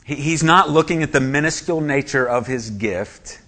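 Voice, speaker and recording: A male preacher delivers a sermon with a bright, forceful voice. He speaks emphatically and keeps turning to his listeners with rhetorical questions. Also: mid-range voice, normal speed.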